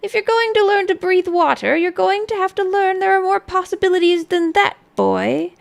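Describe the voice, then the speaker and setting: Woman voicing a creaky old elf sorceress. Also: very high-pitched, expressive, normal speed, voice pushed up, exaggerated voice. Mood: teasing, instructive. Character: weathered old elf sorceress, teasing and cryptic. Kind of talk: storybook read aloud.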